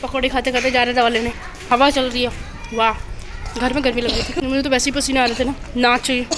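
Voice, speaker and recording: A young woman with a hoarse throat from a cold, chatting in a rambling, self-mocking way as she vlogs her day. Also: fairly high pitch, flat delivery, fairly quick. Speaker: vlogger. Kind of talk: casual vlog chat.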